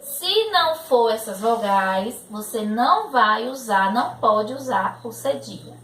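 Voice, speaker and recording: A woman with a Brazilian accent, a primary school teacher, teaches young children a grammar lesson in a fairly high, slightly bright voice with lively intonation. She goes slowly and patiently, often asking "né?" and "tudo bem?" to confirm they follow, in an echoey home-room recording with slight background noise.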